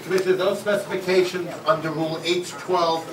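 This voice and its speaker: Formal official guy at a hearing, bit high voice, echoey room. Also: steady tone, a little fast. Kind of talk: procedural talk at a hearing. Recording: distant mic in an echoey, noisy room.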